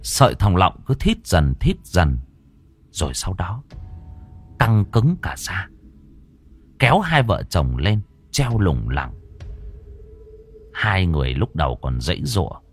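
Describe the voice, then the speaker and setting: A man narrating a ghost story in a dramatic, expressive, scripted style. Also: sits low, slow pace, long pauses, slightly rough.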